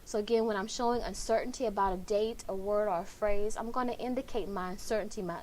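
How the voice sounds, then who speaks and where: A woman's voice: medium pitch, steady tone, quick pace, darkish tone, slight background noise. A woman writing instructor giving a recorded online lecture, explaining step by step and repeating key points.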